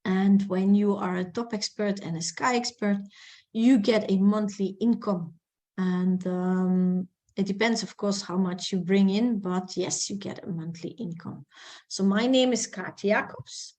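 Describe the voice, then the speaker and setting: A woman's voice: medium pitch, fairly even intonation, measured pace, a little mellow. A woman from Belgium, giving an upbeat, persuasive presentation over a video call. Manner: upbeat and persuasive, urging listeners on. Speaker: presenter of an info session.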